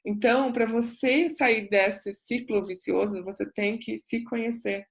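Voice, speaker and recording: A woman's voice: on the high side, fairly even intonation, unhurried, gravelly. Lady talking earnestly about self-love, reflective, repeats stuff for emphasis. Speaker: self-development coach. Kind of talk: personal testimony monologue.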